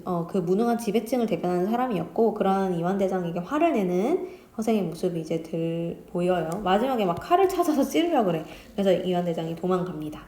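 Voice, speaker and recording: A woman teacher explaining a classic story in a casual lecture, talking straight to her students and quoting the characters in lively voices. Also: medium pitch. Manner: chatty, quotes characters in lively voices, addresses students directly. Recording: echoey room with faint ambient noise.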